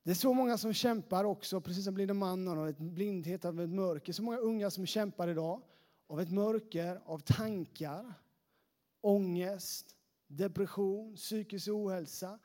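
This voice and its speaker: A man, a youth pastor, giving a lively, casual sermon to a young congregation, chatty and peppered with fillers. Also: high-pitched.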